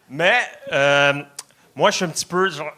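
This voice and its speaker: A young man with a Quebec French accent delivers a stand-up set in a bright, forceful voice. He sounds nervous, halting often with fillers and restarts. His voice sits a little high for a man. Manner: hesitant, many fillers. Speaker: stand-up contestant.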